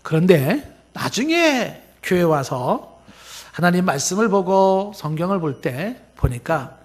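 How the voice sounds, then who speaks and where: A man preaching a sermon in a very high, lively voice. He rises to emphatic, near-shouted exhortation and acts out quoted people in little scenes of dialogue. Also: slow. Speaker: pastor.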